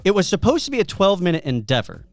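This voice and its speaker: A man co-hosting a casual podcast, telling facts as animated stories. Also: high voice, very fast, faint music behind. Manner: animated storyteller, reads out facts. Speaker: podcast co-host.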